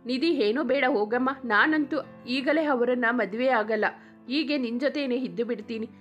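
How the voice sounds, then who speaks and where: A woman's voice: a little high, brisk, faint music behind, natural voice. Shy sweet young woman, read by a woman.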